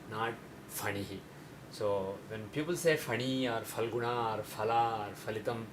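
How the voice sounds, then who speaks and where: A man gives a methodical spoken lesson in a steady mid-range voice. He slows down to sound out examples carefully. A faint hiss of noise sits under the recording. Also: medium pitch. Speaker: teacher. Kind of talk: explanatory lesson.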